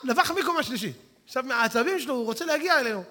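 A man preaching a sermon who swings from hushed tones to shouting and addresses his listeners directly. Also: very high voice, expressive. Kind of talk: Torah sermon to an audience. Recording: long reverb of a hall.

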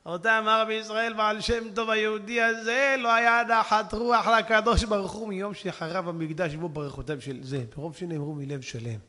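A man preaching a storytelling sermon, swinging between hushed tones and loud shouting. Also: high-pitched, fairly even intonation, few pauses. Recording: long hall reverb.

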